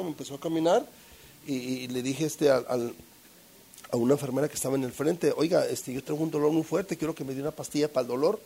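A man's voice: creaky, dark tone, breathy edge. A middle-aged man tells a group his recovery story in a rambling way, full of fillers and tag questions, acting out the voices of people he quotes. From Mexico. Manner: acts out quoted voices with pitch jumps. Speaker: recovery group member sharing testimony. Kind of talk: personal testimony to a group.

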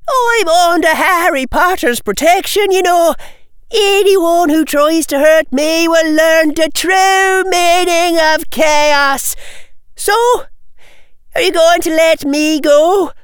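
A very high, trembling schoolgirl's voice, as a male reader puts her on, terrified but trying to sound defiant. She speaks slowly, in a dry, close sound. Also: a bit bright, no echo, exaggerated voice. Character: terrified young schoolgirl putting on a brave front.

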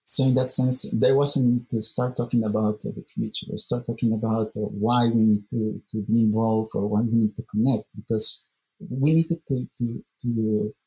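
This meetup organizer has a lowish, steady voice and talks at a moderate pace. He answers casual interview questions in a reflective, searching way, frequently repeating words as he gropes for phrasing, and the audio is rough.

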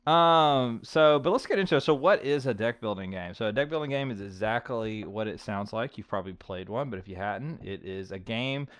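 A man's voice: mid-range voice, lively intonation, a little fast, few pauses, a bit bright, dry recording. A middle-aged man hosting a casual board game podcast, chatty and full of fillers. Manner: chatty, lots of likes and fillers. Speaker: podcast host.

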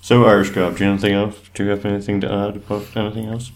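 A man's voice: lowish voice, level tone, very fast. A man co-hosting a podcast in casual chat, with dry, teasing banter. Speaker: podcast co-host.

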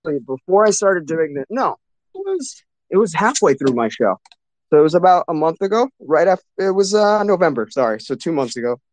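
A man's voice: on the high side, big pitch swings, fairly quick, darkish tone, no room sound, poor audio. A man hosting a casual, hyped live talk show in frat bro slang, swearing freely. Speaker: crypto show host.

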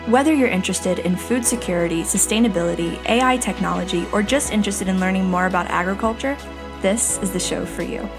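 A woman announces the show with a slow, measured scripted introduction. A clear music bed plays underneath her voice. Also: mid-range voice.

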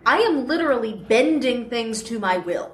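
A podcast host in her thirties appears as an interview guest on a convention panel, chatting casually and laughing often. She speaks at a fairly high pitch, animatedly and at a moderate pace, in a room with echo and faint noise.

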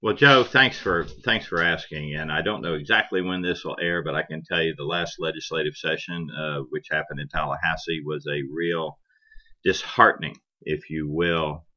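A middle-aged or older man from Florida, a cattle rancher, explaining things conversationally in a plain-spoken, measured interview style. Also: very deep voice, bright, forceful tone. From Florida, United States. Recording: dull lo-fi podcast audio.

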